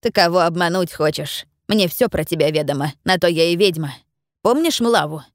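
A stern blind village witch, as a woman narrator puts her on, speaks low and deep with cold, unhurried authority. Her mocking calm fills a dry, close audiobook recording. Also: no room sound, lightly acted.

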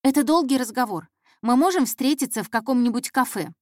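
Brief: anxious young cub reporter girl, stammering and rambling, pitched up, read by a woman narrator. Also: expressive, brisk, dry recording, clean studio sound. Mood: flustered. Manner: hesitant, stumbling, fumbling for words. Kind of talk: audiobook character voice.

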